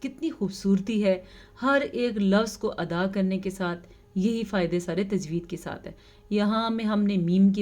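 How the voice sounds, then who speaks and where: Woman with a Pakistani Urdu accent, a tajweed teacher explaining rules patiently and modeling slow, stretched recitation. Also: medium pitch, darkish tone. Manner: patient step-by-step instruction, slow drawn-out recited words.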